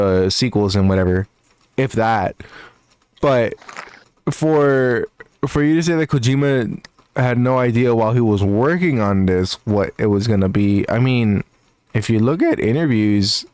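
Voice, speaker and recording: A man's voice: on the low side, a little mellow, dry recording. A man giving casual reaction commentary, loose and filler-heavy, laughing and swearing as he mocks.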